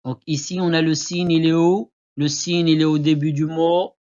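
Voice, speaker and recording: A man teaching Arabic letters to beginners, repeating each word slowly for learners to copy. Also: a little high, little pitch movement, darkish tone. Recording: dull lo-fi recording.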